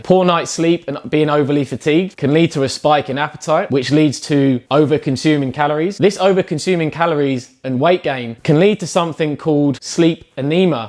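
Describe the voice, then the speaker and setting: A man hosting a comedic fitness vlog, lecturing bluntly and laid-back with plenty of swearing. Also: on the high side. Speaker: fitness host.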